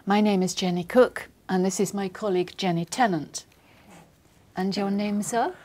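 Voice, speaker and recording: Woman examiner, formal, measured, polite, scripted instructions. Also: medium pitch, darkish tone.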